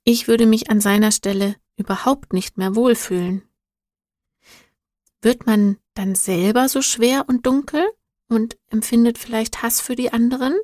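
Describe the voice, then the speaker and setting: A woman reading a storybook, voicing a curious, earnest young schoolgirl with a bright, eager way of asking questions. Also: a little high, fairly even intonation, measured pace, dry recording, clean studio sound, close to an everyday voice.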